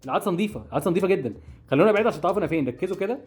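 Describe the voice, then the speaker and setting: A man's voice: sits high, lively intonation, husky. A young man with an Egyptian Arabic accent, chatting casually while unboxing and reviewing cheap gadgets, joking and puzzling over what he finds. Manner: rapid, chatty, jokey and puzzled. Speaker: product-review vlogger.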